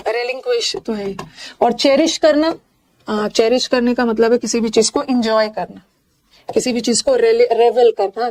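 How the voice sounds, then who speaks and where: A woman's voice: on the high side, a little mellow, a little hiss or hum. A woman with an Indian accent teaching English synonyms in a live online class, explaining each word with jokes and memory tricks.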